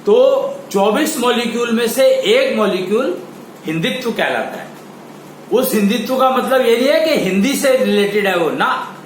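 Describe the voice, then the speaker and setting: High-voiced man lecturing slowly in echoey room. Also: a bit bright. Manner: slow, halting explanatory delivery with pauses. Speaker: teacher. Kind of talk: spiritual lecture. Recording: echoey room with faint ambient noise.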